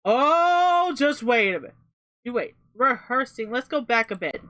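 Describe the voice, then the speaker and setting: A woman's voice: a little high, sing-song, unhurried, a bit bright. A young woman giving an emphatic reaction commentary, repeating her points and swearing now and then.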